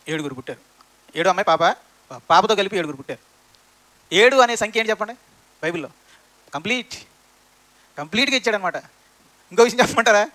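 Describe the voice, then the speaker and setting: A man's voice: high voice, pushed and bright. A man preaching a sermon in church, firing rhetorical questions at the congregation.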